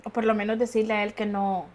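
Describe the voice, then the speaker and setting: A woman's voice: mid-range voice, fairly even intonation, moderate pace, darkish tone, slight background noise. Reflective woman host. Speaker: podcast host. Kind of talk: interview conversation.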